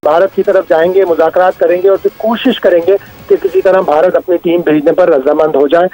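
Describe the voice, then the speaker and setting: High-voiced male journalist on a panel. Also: lively intonation, fairly quick, mellow, faint music behind, low-quality recording. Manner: assertive, cites his own sources. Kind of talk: studio panel discussion.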